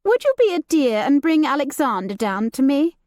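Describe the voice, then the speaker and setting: A woman reading a story aloud voices a flighty young noblewoman who is playful and romantic, using a high, lively voice. The delivery is lilting, gossipy, and chatty at a moderate pace, recorded close and dry.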